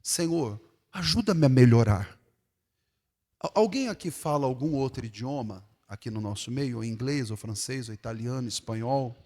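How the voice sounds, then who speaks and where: Preaching pastor in an echoey church. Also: male voice, medium pitch, expressive, fairly quick. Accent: Brazilian Portuguese, São Paulo. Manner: conversational preaching with sudden loud exclamations. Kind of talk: sermon. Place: church hall.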